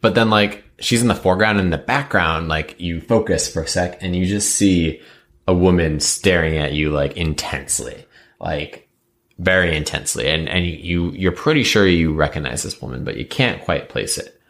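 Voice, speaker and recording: Casting: male game master, lowish voice, casual improvised narration for tabletop fantasy play. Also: moderate pace, fairly bright tone.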